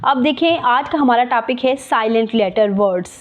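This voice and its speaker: A woman's voice: fairly high pitch, moderate pace. A woman teacher explaining a lesson, spelling words out letter by letter and repeating key terms. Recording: muffled lo-fi recording.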